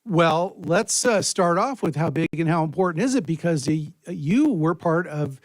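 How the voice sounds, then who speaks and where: A man's voice: on the high side, lively intonation, normal speed, dry recording, rough recording. An American man co-hosting a radio show from the studio, chatting casually about politics and local news. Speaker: radio co-host and producer behind the glass.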